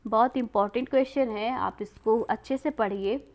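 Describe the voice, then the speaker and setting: A woman's voice: on the high side, moderate pace, darkish tone. A woman teacher explaining exam questions to students, repeating each question and answer and asking rhetorical questions, words into her speech.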